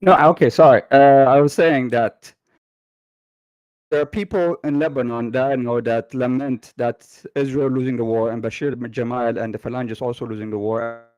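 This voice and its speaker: A man's voice: mid-range voice, steady tone, a little mellow, no room sound, dull audio. Man on a choppy call, volume jumping. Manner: hesitant, halting, many fillers. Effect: choppy online call audio with uneven volume. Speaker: caller. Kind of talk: call-in debate.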